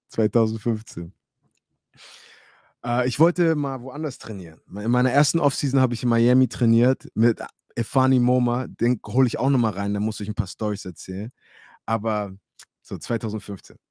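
A man's voice: mid-range voice, a little fast, a little mellow, no room sound, studio quality. A man in his thirties, a livestream host, casually telling personal stories to his chat, acting out quoted dialogue and laughing often. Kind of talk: casual storytelling to a live chat.

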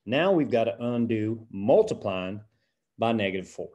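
A man's voice: on the low side, animated, normal speed, dark tone, muffled recording, lightly acted. A math teacher putting on a country accent to play a folksy, patient male teacher, walking through equations and checking in with "right?" as he goes. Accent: put-on American country. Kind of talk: lesson video.

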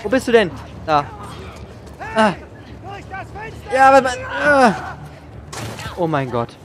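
A man's voice: high voice, big pitch swings, slow pace, a bit bright, some chatter behind. A man streaming a let's play, muttering sarcastic commentary to himself as he plays. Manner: sarcastic self-talk while playing. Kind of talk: gaming commentary. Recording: voice over game sounds.

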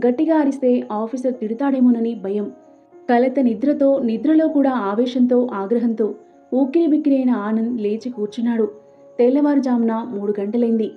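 A woman storyteller narrating a scripted story in a steady reading voice. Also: a little high, normal speed. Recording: tinny phone-like sound. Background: faint background music.

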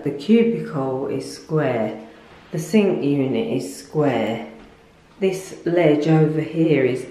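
An older woman chats slowly through a tour of her bathroom, wandering off into little asides with fillers and restarts. Her voice rings off the hard tiled walls, caught on a handheld phone. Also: sits low, warm tone. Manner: chatty, rambling with fillers and restarts. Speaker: lifestyle vlogger. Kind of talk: casual home tour chat. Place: small tiled bathroom at home. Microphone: phone camera held by speaker. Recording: echoey tiled room.

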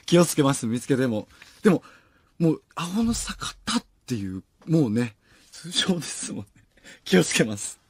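A man hosting a late-night radio show, reading listener mail aloud with animated, self-mocking chatter and frequent laughter, close on a studio microphone. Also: on the low side.

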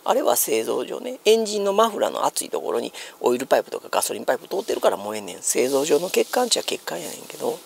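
A man's voice: on the high side, very animated, fast talker, creaky, hardly any pauses, slight background noise. A man with a Kansai Japanese accent chatting casually as a solo streamer, explaining news and thinking aloud. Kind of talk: casual chat commentary on news. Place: small room at home, seated on a sofa.

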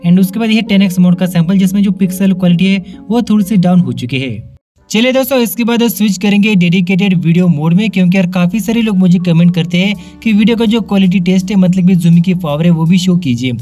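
A man's voice: sits high, quick pace, dark tone, faint music behind. A man giving a chatty product review voice-over, mixing English words into Hindi and calling the viewers friends. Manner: keeps addressing viewers as friends. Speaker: tech reviewer.

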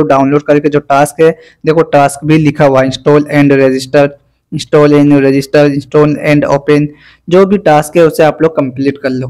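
A man narrates a phone app tutorial in a slightly high, monotone voice. He moves slowly and deliberately through each step, his energy low from fasting, repeating the instructions as he goes. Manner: instructive, repetitive step-by-step guidance. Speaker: app reviewer. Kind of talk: screen-recorded app tutorial.

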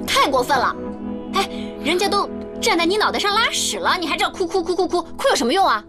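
An actress in a TV drama playing a brash, sharp-tongued woman lecturing her crying friend. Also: very high-pitched, sing-song, normal speed, over loud music. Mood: bossy. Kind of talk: TV drama acting.

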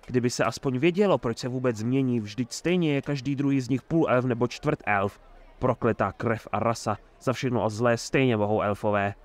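A man gives a light performance of a jovial elderly mayor who schemes behind the cheer. His mid-range voice carries a sly, hearty mood, and he talks a lot in an effusive, cunning way.

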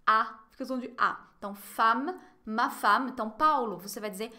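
A woman with a Brazilian Portuguese accent teaches French in a live online class. Her voice is bright and a little high. She explains each phrase in Portuguese and slows down to model the French sounds. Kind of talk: live online language lesson.

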